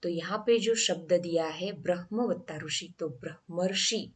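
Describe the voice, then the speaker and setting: A woman's voice: on the low side, normal speed. A woman teaching a grammar lesson, explaining each rule step by step and asking the class questions.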